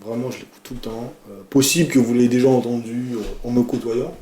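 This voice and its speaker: A man talks casually and keenly about a favourite song, stopping often to find his words. His voice is mellow and dark, at an average pitch. The room around him is echoey. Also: fairly even intonation, brisk. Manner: hesitant, many fillers, enthusiastic. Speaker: podcast co-host presenting a song. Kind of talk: casual chat.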